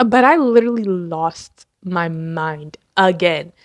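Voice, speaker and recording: A woman giving casual, gushing movie commentary, excitable and full of slang, laughing often. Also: fairly low pitch, slow pace, dry recording, clean studio sound. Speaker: commentary host.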